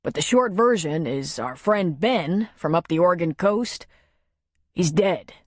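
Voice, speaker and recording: A woman's voice: fairly low pitch, expressive, measured pace, no room sound, clean studio sound. A woman reading a clipped, plainspoken man. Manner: casual, clipped, matter-of-fact.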